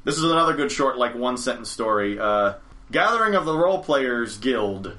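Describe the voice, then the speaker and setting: A man's voice: medium pitch, animated, a little fast, pushed and bright. A young man chatting on a podcast as a storyteller, rambling and correcting himself as he goes. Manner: rambling, self-correcting, chuckles often. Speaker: game store owner, podcast storyteller. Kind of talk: casual podcast chat. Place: studio.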